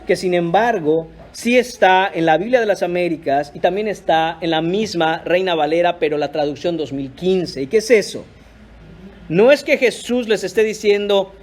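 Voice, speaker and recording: A man with a high-pitched voice preaching a sermon in church. He speaks earnestly and emphatically, turning often to address his listeners as brothers. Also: a little mellow. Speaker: pastor.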